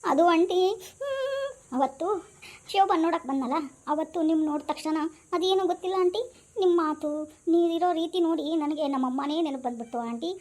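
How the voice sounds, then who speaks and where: A woman voicing an emotional young man who calls the older woman aunty, speaking softly and pleadingly. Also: extremely high pitch, expressive, a little fast.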